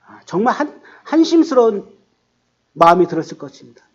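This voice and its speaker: A man's voice: fairly quick, highs cut off. A man pastor preaching a sermon, acting out quoted lines with sudden bursts of volume. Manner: animated, acts out quotes with rising pitch and volume.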